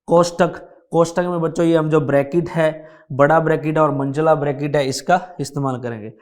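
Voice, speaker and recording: A man teaching a grammar lesson to children, explaining slowly and repeating key points as he addresses them directly. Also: a little high, fairly even intonation. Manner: slow, repetitive explaining, addresses children often.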